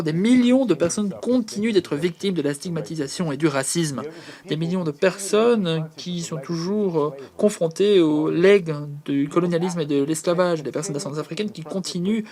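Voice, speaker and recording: A man with a voice pitched a little above the usual male range delivers voice-over interpretation of speeches. His pacing is measured and he pauses often with small hesitant fillers as he keeps up with the speakers. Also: darkish tone.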